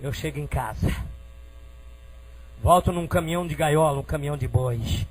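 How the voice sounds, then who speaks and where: Fervent Brazilian preacher, middle-aged man, high voice, shifts from hushed storytelling to shouting. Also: moderate pace, low-quality recording. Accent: Brazilian Portuguese. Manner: fervent, swinging from quiet storytelling to shouted praise. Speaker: preacher giving testimony. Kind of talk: emotional preaching testimony.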